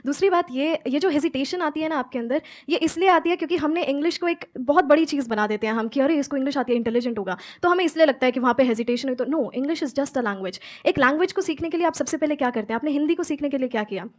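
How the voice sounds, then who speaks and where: High-voiced young woman coach from Haryana. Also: racing, few pauses. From Haryana, India. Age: young adult. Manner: earnest, explains in mixed Hindi and English. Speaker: guest speaker, English coach. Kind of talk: stage talk answering audience questions.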